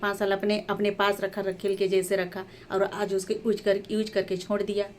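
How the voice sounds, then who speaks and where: A woman's voice: mid-range voice, level tone, normal speed, slight background noise. A woman vlogger giving heated commentary, firing off rhetorical questions and often restarting her sentences. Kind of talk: indignant commentary on a couple's breakup.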